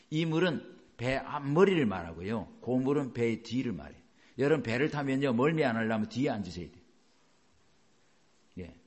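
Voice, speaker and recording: A male pastor giving a sermon, reading scripture slowly and then explaining it in a chatty way to the congregation. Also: mid-range voice, a little mellow.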